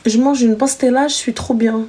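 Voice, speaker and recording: A young woman hosts a live chat in a high voice. She talks in animated, slangy bursts. She teases her callers and gives them blunt big-sister advice. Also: moderate pace. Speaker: live stream host giving advice.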